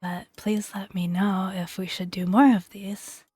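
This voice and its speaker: This is a soft-spoken ASMR narration from a woman who makes gaming videos, delivered in a breathy near-whisper that is very slow, gentle and calming. Her pitch is medium and her delivery flat. The sound is close and dry without echo, with quiet music in the background.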